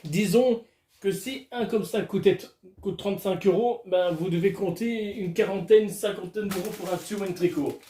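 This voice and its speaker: A man's voice: sits high, normal speed, dark tone, echoey room. A man alone at home, chatting casually and crudely to his camera while unboxing. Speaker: vlogger. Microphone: camera filming him.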